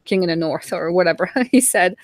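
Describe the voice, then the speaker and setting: A woman in a casual group call, thinking aloud with halting restarts. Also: fairly low pitch, no echo. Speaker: panel guest.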